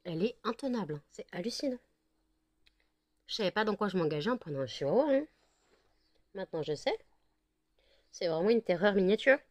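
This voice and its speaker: A woman's voice: mid-range voice, very animated, a little fast, long pauses, darkish tone, no room sound. A tired woman vlogging casually at home, rambling with many fillers and talking to her dog. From France. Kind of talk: casual home vlog chat. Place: home indoors.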